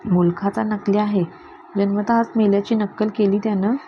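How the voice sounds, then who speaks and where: A woman's voice: medium pitch, fairly even intonation, normal speed, natural voice. A teasing village mother, read by a woman. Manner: light, teasing. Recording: dull lo-fi with faint hiss.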